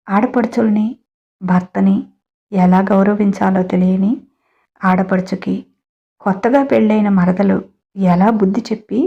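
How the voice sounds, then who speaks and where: A woman hosting her own storytelling channel, chatting to listeners and reading a family story aloud. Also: medium pitch. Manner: friendly, addresses listeners directly. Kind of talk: read-aloud story narration. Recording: dull lo-fi audio.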